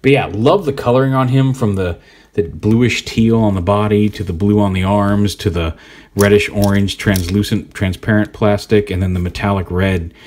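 A man giving a relaxed, rambling hands-on toy review, thinking aloud as he poses the figure. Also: lowish voice, moderate pace. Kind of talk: casual hands-on product review.

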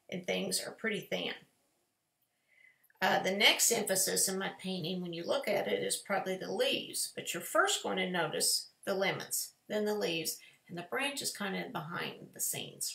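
A woman with a mid-range, slightly bright voice and some vocal fry teaches painting in a live tutorial. She walks through it step by step in a chatty, folksy way. The room is echoey.

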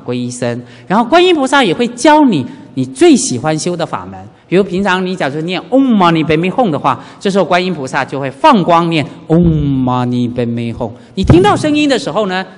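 Buddhist monk guy teaching in a big echoey hall, voice swoops up and down, keeps telling you to listen. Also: a little high. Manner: animated, urges listeners to pay attention, acts out everyday scenes. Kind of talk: Buddhist dharma lecture. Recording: reverberant hall.

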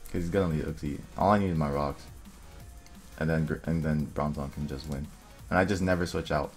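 A young man casually commentating his own online game, thinking aloud and muttering quick asides to himself. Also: rumbling low, steady tone. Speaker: gaming video creator. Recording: faint music underneath.

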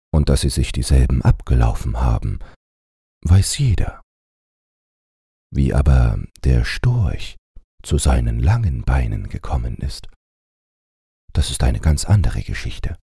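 Give me a man with a very deep, dark voice narrating a bedtime fairy tale calmly. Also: slow pace, long pauses, slightly rough, dry recording, clean studio sound. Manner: calm, storytelling. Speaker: audiobook narrator.

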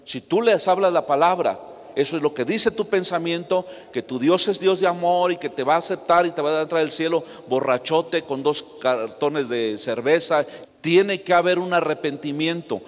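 A man's voice: a little high, normal speed. A man preaching a sermon, firing rhetorical questions at his congregation. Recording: long reverb of a church hall.

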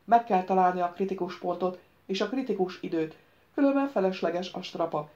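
A woman reading an audiobook, voicing a stout, mustached male official who speaks in a calm, lecturing, firm way. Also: on the low side, muffled recording, close to an everyday voice.

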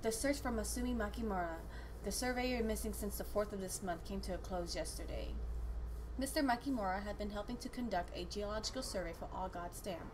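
A woman's voice: medium pitch, fairly quick. A woman in her twenties giving casual, informal gameplay commentary and reading on-screen text aloud. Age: 20s. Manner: informal, reactive, sweary. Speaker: let's play streamer. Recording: clearly noisy home recording.

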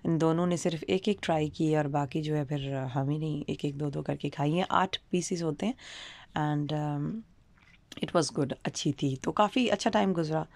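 Low-voiced Pakistani woman vlogger. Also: normal speed, darkish tone, no room sound. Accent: Pakistani Urdu. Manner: chatty, mixes English phrases, many fillers. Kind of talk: casual voice-over narration.

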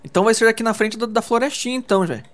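A man's voice: sits high, racing, a bit bright. A man with a Brazilian Portuguese accent in casual gaming chat, playful and exclamatory, thinking aloud as he crafts. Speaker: gamer co-playing.

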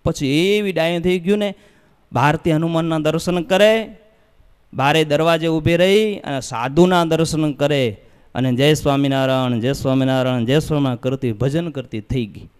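A man with a Gujarati accent from Kutch, preaching as he tells a religious story in a temple hall, lively and acting out the voices and cries in the tale. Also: on the high side, unhurried, clear, resonant tone. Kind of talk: storytelling sermon. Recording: long hall reverb.

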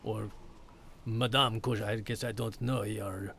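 A man's voice: fairly low pitch, steady tone, unhurried, creaky, a bit bright, slight background noise. A man streaming a video game live, commenting casually, playfully mocking himself, and chatting with viewers.

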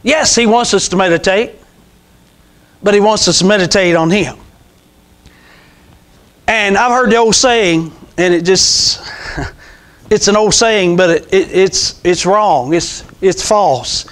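Speaking slowly with long pauses, a man in his sixties preaches in a strikingly high, fairly bright voice. His informal, fervent sermon repeats key phrases, calls out amens and poses rhetorical questions to the congregation. A clip-on lapel mic captures him in a small indoor sanctuary.

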